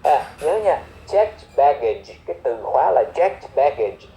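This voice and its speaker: A man teaching English airport phrases, explaining each one and repeating key words slowly. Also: on the high side, expressive, gravelly, warm tone, reverberant, a little hiss or hum, rough recording.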